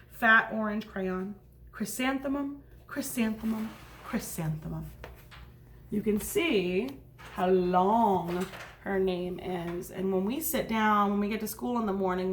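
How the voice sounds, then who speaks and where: A woman teacher reads a picture book aloud to young children at storytime, pausing for explanations and questions to check in with them. Her voice is mid-range, with a little hiss or hum in the recording.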